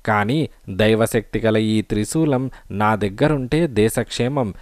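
Young male hero, calm, defiant, steady-voiced, read by a male narrator. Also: fairly low pitch, a little slow, no room sound, clean studio sound, close to an everyday voice.

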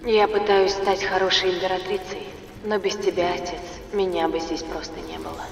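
A woman's voice: on the low side, fairly even intonation, normal speed, lo-fi sound, close to an everyday voice. A woman voicing an earnest young empress, solemn and reflective, in a video game. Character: earnest young empress confiding in her father. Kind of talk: scripted video game voice acting. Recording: echoey hall, noisy background.

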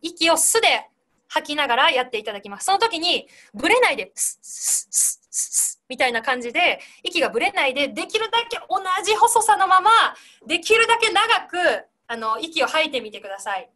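A woman leads an online singing class over a video call. Her voice is high and bright. She explains gently and demonstrates each breath and consonant sound herself. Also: sing-song, brisk. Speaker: singing teacher.

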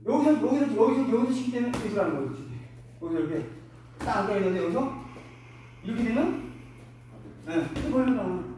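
A man's voice: high-pitched, darkish tone, distant mic, a little hiss or hum. A middle-aged man coaching boxing hands-on, giving short punchy commands and calling out punch sounds. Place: boxing gym. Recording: echoey gym, mic from afar.

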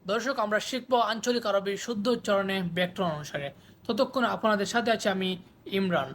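A man teaching Arabic pronunciation in a slow, repetitive lesson, saying each word several times and spelling out its letters. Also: high voice, fairly bright tone, slight background noise.

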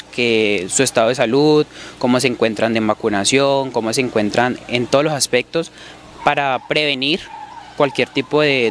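Young male student, halting speech, outdoor interview. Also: medium pitch, fairly bright tone, a little hiss or hum. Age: young adult. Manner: hesitant, many fillers. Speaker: nursing student. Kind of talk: interview answer.

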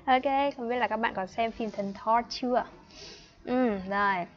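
A woman in her twenties with a Northern Vietnamese accent, teaching an online English class for young children, patient and playful, repeating words slowly. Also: fairly high pitch, highs cut off. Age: 20s. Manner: chatty and playful, laughs often.

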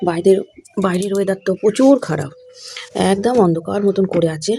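Housewife vlogger with a hoarse, gravelly voice, casual cook-along chat in a noisy kitchen. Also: female voice, medium pitch, fairly quick, mellow. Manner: talks to herself while cooking, thinking aloud. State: hoarse, voice gone. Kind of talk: casual cooking vlog chat. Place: home kitchen. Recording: noisy home recording.

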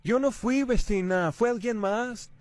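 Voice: mid-range voice, measured pace, a little mellow, dry recording, close to an everyday voice. A performer voicing a goofy, nervous male puppet in a fan dub, making jittery excuses.

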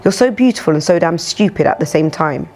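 A woman's voice: low voice, expressive, darkish tone. A woman reading as a blunt police officer. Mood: scolding. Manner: blunt, rapid scolding.

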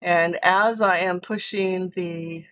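American woman, cooking stream host, chatty and explanatory, slow easy delivery. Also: on the low side, fairly even intonation, a bit bright. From United States. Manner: chatty, explains steps while cooking and answers chat. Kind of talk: casual cooking livestream chat. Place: home kitchen.

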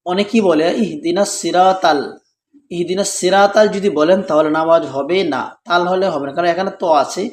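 A man teaching correct Quran recitation, reciting verses slowly syllable by syllable and explaining the pronunciation rules. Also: sits high, roomy sound.

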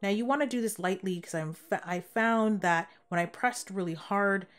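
A young adult woman giving a relaxed, step-by-step voice-over for a DIY home decor tutorial. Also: medium pitch, normal speed, faint music behind.

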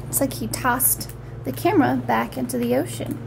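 At a moderate pace, a young adult woman with a high, gravelly voice shares a picture book aloud, pointing out what's in the pictures and asking gentle, curious questions suited to little ones. The setting is a small room at home, and the recording picks up noticeable background noise.

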